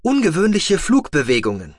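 A ship computer, which a man voices, reports in crisp, factual sentences. The voice sits raised, and the dry recording keeps it close. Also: a little high, wildly swooping pitch, moderate pace, no echo, pitched above the performer's own voice. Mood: reporting.

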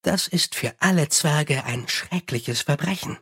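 A man's voice: fairly high pitch, gravelly, a bit bright, breathy edge, heavily acted. A man doing a grave, solemn dwarf priest. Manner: measured, formal.

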